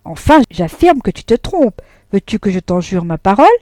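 A woman's voice: mid-range voice, big pitch swings, moderate pace, mellow, no echo, studio quality, natural voice. A woman voicing a bluff middle-aged husband caught in a lie, jovial and then defensive, in a read-aloud novel. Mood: blustering.

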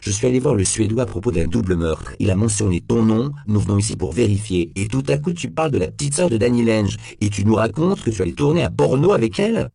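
A man's voice: on the low side, expressive, fast, creaky, few pauses, warm tone, dry recording, studio quality, pitched above the performer's own voice. A man voicing a sardonic, hard-nosed police detective interrogating a suspect in a cool, needling tone in an audiobook. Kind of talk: audiobook character voice.

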